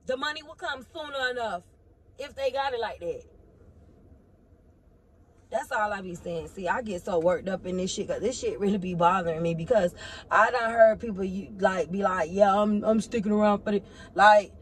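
A woman vlogger ranting to her viewers on her phone. She is animated and swings between loud outbursts and low muttering. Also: moderate pace, a little hiss or hum. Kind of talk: heated casual rant to camera.

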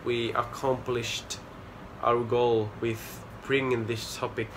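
A young man from Finland, out on a charity walk, chats to a nearby camera on a small porch outside, his medium-pitched voice level in tone against background noise. Earnest and slightly sheepish, he speaks casually with a Finnish accent and filler pauses.

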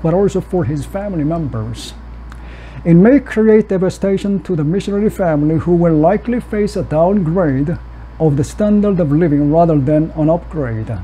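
A middle-aged man from South Korea, giving a measured academic conference talk and reading prepared text with occasional restarts. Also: sits high, mellow, a little hiss or hum, rough recording. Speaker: missiologist lecturer.

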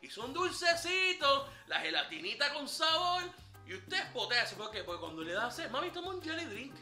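Brash flirty ladies' man, very high voice, lively swaggering comedy banter, roomy echo. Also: moderate pace, soft background music, heavily acted. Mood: boastful. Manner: swaggering slangy banter, calls listener papá. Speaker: comic character giving dating tips. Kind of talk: comedy sketch monologue.

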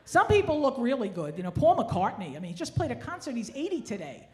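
A woman in her sixties performs stand-up in a somewhat high voice. She complains wryly and at her own expense, with a Yiddish-inflected turn to her delivery. It is a live stage recording on a handheld mic, with clear background noise. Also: big pitch swings, fast talker, a little mellow. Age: 60s. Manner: wry, self-deprecating complaining. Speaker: stand-up comedian. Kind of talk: stand-up comedy routine. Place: theatre stage, indoors. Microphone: handheld stage microphone.

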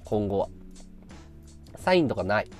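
A man live-streaming a casual chat, blunt and ranting, swinging from loud outbursts to low mutters. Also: sing-song, measured pace, soft background music.

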